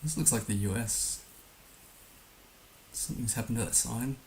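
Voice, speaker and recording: A male streamer with a hoarse, gravelly, mid-range voice muses aloud in an unhurried, hesitant way while playing a geography guessing game. He's recovering from being under the weather, giving casual live commentary on a low-quality recording with noticeable background hiss.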